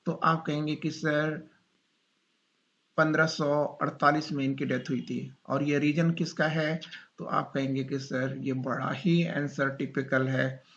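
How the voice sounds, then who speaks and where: A male teacher giving a classroom lecture, dictating slowly and repeating points as he asks his students questions. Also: on the high side, flat delivery, fairly bright tone, lo-fi sound.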